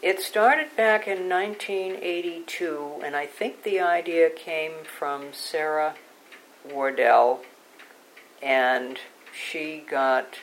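An older woman being interviewed for an oral history, recollecting in measured, halting short phrases. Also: low voice, slight background noise, rough recording.

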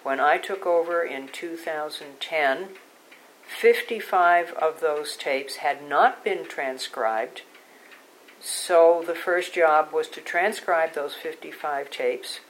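An older woman being interviewed for an oral history, recollecting in measured, halting short phrases. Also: deep voice, a little hiss or hum, poor audio.

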